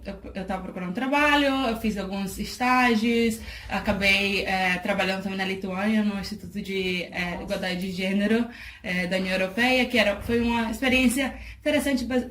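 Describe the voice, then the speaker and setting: A thoughtful woman from Salvador, Bahia, Brazil, appears as a guest in a casual interview, talking about her work on a charity project. Her medium-pitched, fairly bright voice is full of fillers and restarts, and she laughs easily. The room is echoey, with faint noise.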